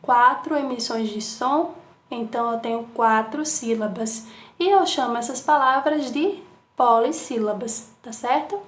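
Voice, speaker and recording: Young woman teacher, fairly high voice, slow clear syllables, echoey room. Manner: slow syllable-by-syllable enunciation with frequent "tá certo?" checks. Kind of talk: remote class lesson.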